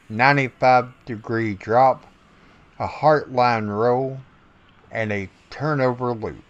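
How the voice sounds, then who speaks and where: A man's voice: medium pitch, lo-fi sound. A man narrating a scripted promotional video as its host.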